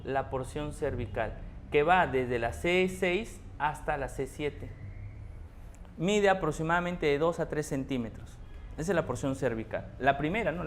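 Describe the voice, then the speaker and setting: Man teaching anatomy, slightly high voice. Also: slight background noise. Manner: patient, repeats key terms, asks rhetorical questions. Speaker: anatomy tutor. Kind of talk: explanatory class lecture.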